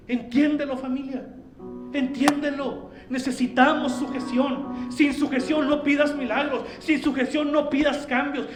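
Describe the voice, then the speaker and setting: Brief: very high-voiced male pastor, impassioned sermon, echoey church, soft instrument behind. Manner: impassioned, addressing the congregation directly. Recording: echoey church with faint music.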